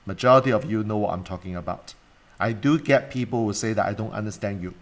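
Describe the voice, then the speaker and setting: A man's voice: fairly low pitch, quick pace. Blunt man with a strong Cantonese accent. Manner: blunt and emphatic, mildly swearing, with rhetorical questions and repetition. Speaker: coach and mentor teaching a live online class. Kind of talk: informal live online teaching.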